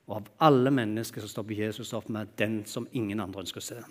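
A man delivers a sermon, his expressive voice swinging from loud, emphatic exclamations to hushed, low tones. The recording carries a long hall reverb.

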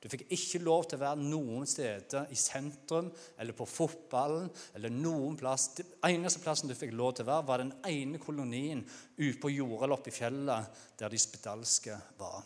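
Male preacher, Norwegian accent, mid pitch, chatty sermon delivery with acted outbursts, long hall reverb. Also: few pauses. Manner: conversational preaching, acts out shouted cries.

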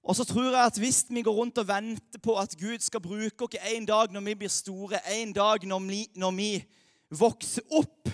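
A man's voice: sits high, hardly any pauses. Young man, youth pastor, sermon, chatty and joking, close dry mic, long hall reverb. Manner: lively, chatty, jokes with the audience. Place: church hall.

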